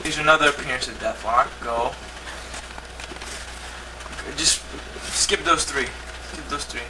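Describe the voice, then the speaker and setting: On an old home VHS tape, a man with a mid-range voice unhurriedly shows off his comic collection, putting on a TV-presenter voice. It was recorded indoors at home with the camcorder mic across the room, so the sound is hissy and distant.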